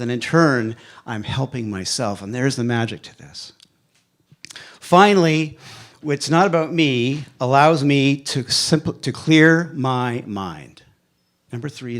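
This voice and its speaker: A man of fifty giving a motivational speech to a live audience, emphatic, with a repeated refrain and dramatic pauses. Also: medium pitch. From Canada. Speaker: speaker at a live evening event.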